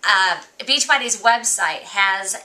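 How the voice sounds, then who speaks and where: A woman's voice: medium pitch, slow pace, bright, forceful tone. A woman fitness vlogger talking casually and earnestly to her viewers about motivation. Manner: earnest, encouraging. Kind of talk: casual motivational talk to camera.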